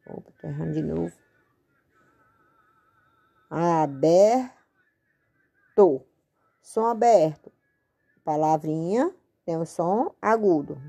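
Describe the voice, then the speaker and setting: A woman's voice: low-pitched, expressive, normal speed, vocal fry, warm tone, breathy edge. A Brazilian woman teaching a patient spelling lesson at a board, spelling out and stretching words. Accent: Brazilian Portuguese. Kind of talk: slow spoken-out lesson at a board.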